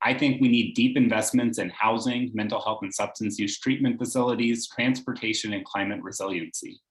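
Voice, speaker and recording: Man candidate, earnest steady campaign pitch, lowish voice, echoey room on a call. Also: brisk.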